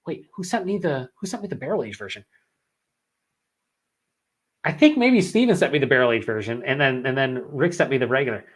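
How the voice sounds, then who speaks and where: A man's voice: mid-range voice, a bit bright. A man with a sore throat after hours of talking, hosting a live beer-review stream, rambling and swearing as he reads chat comments aloud.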